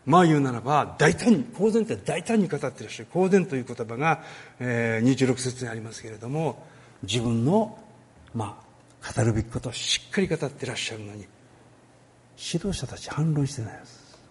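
A man giving a sermon on a Bible passage, talking in a lively way with many pauses and filler words. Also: mid-range voice, slightly rough. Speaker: pastor.

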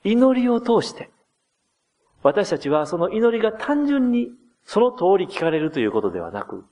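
A man preaching a sermon as pastor, gently explaining and addressing the congregation, dramatizing quoted words with changes in voice. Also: big pitch swings, moderate pace. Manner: dramatizes quoted words with shifts of pitch and loudness.

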